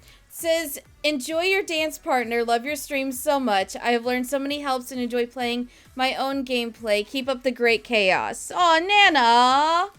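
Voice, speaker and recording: A young woman with a high voice talks casually to her stream viewers. She rambles with plenty of fillers and coos sweetly at her dog. Faint music plays in the background. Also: normal speed, a bit bright, smooth. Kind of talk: casual livestream chat.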